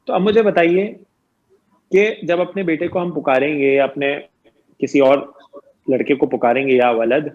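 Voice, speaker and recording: A man's voice: on the high side, muffled recording. A man teaching grammar in an online lecture, explaining patiently, quizzing his students and repeating each point.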